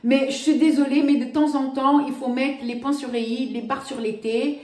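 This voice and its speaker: A woman's voice: sits high, steady tone, moderate pace, mellow. A woman, ranting indignantly to her viewers in a casual vlog, often repeating "voilà". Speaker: vlogger. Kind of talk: casual rant to camera. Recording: roomy echo.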